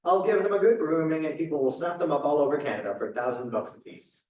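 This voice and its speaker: A man reads a play aloud in a matter-of-fact, businesslike way. His voice sits a little high. The sound is distant, with room echo. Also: lively intonation, fast, muffled recording. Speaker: actor in a staged reading, playing a dog trader with Canadian citizenship. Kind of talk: stage play reading. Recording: echoey room, distant mic.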